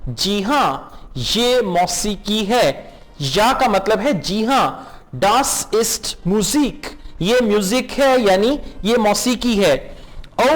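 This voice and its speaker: A high-pitched male language teacher from Pakistan, patient and encouraging. He drills each phrase very slowly for the listener to repeat, then hurries through short explanations. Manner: switches between slow careful drill phrases and quick explanations. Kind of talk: language lesson, slow drilled repetition.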